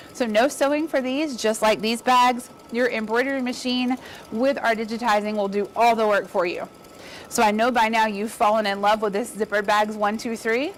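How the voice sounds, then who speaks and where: A woman's voice: a little high, slight background noise. A woman giving an upbeat, chatty embroidery demonstration, encouraging viewers as she works. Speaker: embroidery instructor. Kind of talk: casual demonstration.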